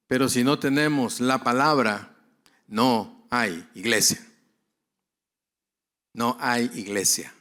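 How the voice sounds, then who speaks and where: At a conference, a male pastor with a mid-range voice lectures to other pastors. He repeats key phrases for emphasis and poses questions that he then answers himself.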